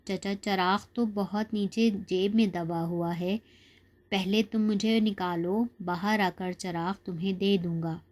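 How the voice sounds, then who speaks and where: A woman's voice: medium pitch, fairly even intonation, a little mellow, close to an everyday voice. A woman voicing a stubborn young boy who insists on getting his way, in a storybook reading. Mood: insistent. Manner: insistent, pleading. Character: stubborn boy Aladdin refusing his uncle.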